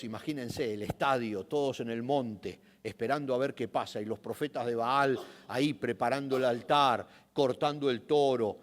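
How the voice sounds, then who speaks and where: A man preaching a sermon, retelling a scripture story dramatically, swinging between loud emphasis and hushed asides. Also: mid-range voice, long reverb tail. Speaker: pastor. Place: church sanctuary.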